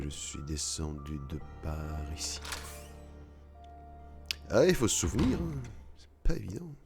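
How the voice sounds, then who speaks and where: A man's voice: rumbling low, vocal fry. A man playing through a horror game, chatting casually and cracking jokes with the odd swear word. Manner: joking, swearing asides. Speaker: let's play gamer. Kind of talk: casual gameplay commentary.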